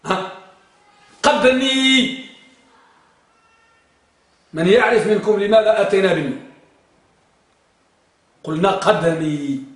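A man's voice: high-pitched, normal speed, pauses often, recorded from a distance. A man teaching Arabic grammar to a class, often firing questions at the students and chanting rules in verse. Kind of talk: classroom lesson. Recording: very echoey room.

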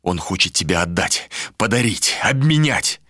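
A man's voice: low voice, animated, moderate pace, bright, forceful tone, no echo, studio quality, heavily acted. A man voicing a possessive, unhinged nobleman in an audiobook, with a commanding, menacing delivery. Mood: obsessive. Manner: commanding, then obsessive and menacing. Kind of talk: audiobook character voice.

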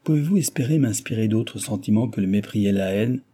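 A man's voice: fairly low pitch, expressive, brisk, warm tone, slightly rough. A man voicing a frightened but defiant young woman, indignant and crying out in terror.

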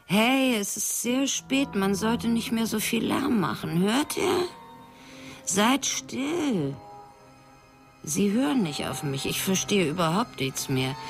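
An actress in a radio play voicing a young housemaid's slow inner monologue, at times breaking into agitated outbursts. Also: female voice, mid-range voice. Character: young housemaid, frightened and frayed. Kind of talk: radio drama narration.

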